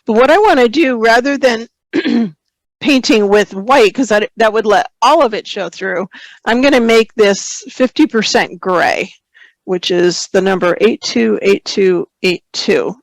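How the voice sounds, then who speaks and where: The photography webinar host has a slightly high, somewhat hoarse voice and a measured pace, pausing occasionally to clear her throat. In this screen-share software tutorial, she explains steps casually while working and reads out questions from viewers. The audio is low quality but has no echo.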